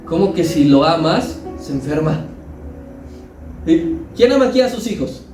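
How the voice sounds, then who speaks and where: A man's voice: a little high, expressive, measured pace, a little mellow, roomy sound, far from the mic, soft background music, poor audio. A man preaching a sermon as pastor, building emphasis and acting out quotes.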